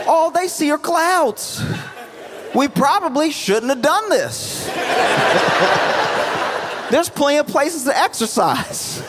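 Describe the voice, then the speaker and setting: A man telling stand-up comedy stories to a live audience in a conversational way, often repeating phrases haltingly for emphasis. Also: extremely high pitch. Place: live venue on stage. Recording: echoey hall with audience noise.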